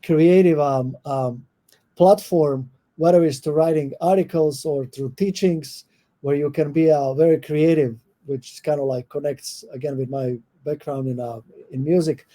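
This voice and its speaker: A middle-aged man from Croatia, a guest professor on a podcast, responds to interview questions with reflection, in a Croatian accent. His voice is a little high and mellow with fairly even intonation, and he often breaks off with fillers and starts again.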